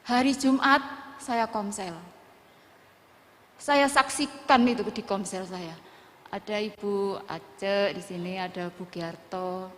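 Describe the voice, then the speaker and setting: A middle-aged woman giving an emotional testimony as preacher at a women's church service, slipping in words. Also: mid-range voice. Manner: storytelling with Javanese words mixed in, emotional. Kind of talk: sermon testimony. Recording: long reverb of a church hall.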